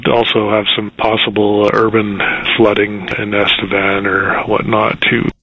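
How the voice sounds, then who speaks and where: A meteorologist in a short news interview clip, speaking in a calm, matter-of-fact way with thinking pauses, heard with a tinny lo-fi radio sound. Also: male voice, on the low side, slightly rough. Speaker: weather service meteorologist. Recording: dull lo-fi clip played on radio.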